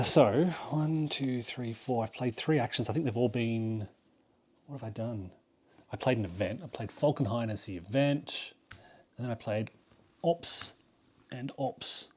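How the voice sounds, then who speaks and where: A man of average pitch talks through a solo board game playthrough, thinking aloud as he counts spaces and weighs each move. His delivery is loose and conversational, full of ums and small self-corrections. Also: darkish tone, breathy edge.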